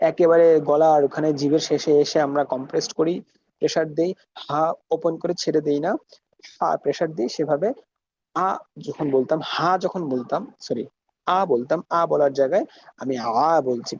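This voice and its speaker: A man's voice: on the high side, darkish tone, slight background noise. Man teaching letter sounds, slightly muffled. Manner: slow, repeats each sound many times to demonstrate. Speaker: Arabic teacher. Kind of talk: pronunciation lesson.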